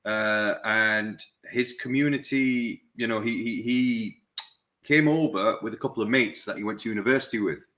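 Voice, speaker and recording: A man, a dentist telling his life story as a podcast guest in an unhurried, reflective way. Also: on the low side, pushed and bright. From West Yorkshire, England. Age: 40s. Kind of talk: reflective conversational interview.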